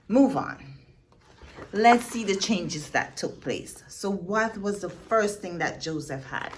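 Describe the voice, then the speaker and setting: A woman at a medium pitch reads a picture book aloud for young children, expressive and teacherly, pausing for emphasis and posing questions to them. There's slight background noise.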